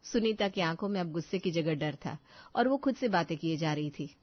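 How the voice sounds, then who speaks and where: A woman narrating a family story in a steady storytelling voice. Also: fairly low pitch, brisk, no room sound. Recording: slightly dull lo-fi recording.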